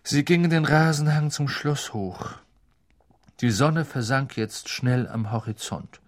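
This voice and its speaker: A man narrating a storybook audiobook in an expressive, measured way. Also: medium pitch. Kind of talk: scripted narration.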